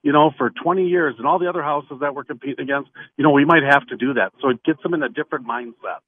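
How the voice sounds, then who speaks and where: A man's voice: on the high side, fast talker, slightly rough, no room sound. A man calling in on a crackly phone line that fades in and out, chatting loosely with lots of fillers as a realtor. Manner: rambling, loose, full of fillers and restarts. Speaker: realtor calling in to a radio show. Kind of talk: casual phone-in chat. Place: outdoors in the mountains. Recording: tinny, narrow phone line.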